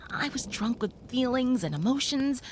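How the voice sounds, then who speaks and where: Here a woman with a high voice and lively intonation portrays a gentle young vampire calming a human listener in audio roleplay. She talks at normal speed, softly and often in a whisper, over slight background noise.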